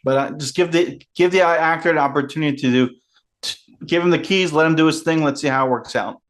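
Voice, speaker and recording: A man co-hosting a casual film review podcast, making brief, low-key remarks. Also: a little fast. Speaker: podcast co-host.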